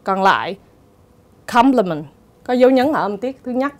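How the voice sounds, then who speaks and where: A woman's voice: fairly high pitch, lively intonation, brisk. A woman teacher going through English exam answers step by step, in a methodical way. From Vietnam. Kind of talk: exam answer walkthrough lesson.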